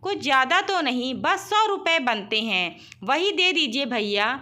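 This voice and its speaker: A woman voicing a male street samosa seller in a storybook tale, brisk and insistent. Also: high voice, lively intonation, sharp tone, exaggerated voice. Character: grown man, street samosa seller, pushy.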